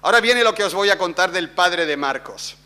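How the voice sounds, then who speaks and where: Pastor, male, late 50s, high voice, rhetorical questions to the congregation. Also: expressive, fairly quick, smooth. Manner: swings from soft confiding storytelling to loud emphatic preaching. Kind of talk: sermon.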